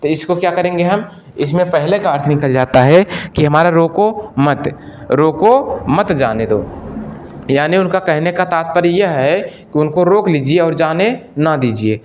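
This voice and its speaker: Heard through lo-fi sound with a little hiss or hum, this man speaks on the high side while teaching Hindi for exam prep. Addressing listeners as friends, he repeats every question to the class before answering it himself, slowly stretching out his example sentences.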